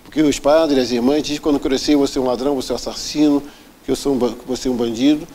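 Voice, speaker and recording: A man with a dark, mellow voice is interviewed and recounts a hard personal story. He tells it earnestly and vividly, often acting out the people he describes. Faint background noise runs under his voice. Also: medium pitch, fairly even intonation, rapid-fire, low-quality recording. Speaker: interview guest.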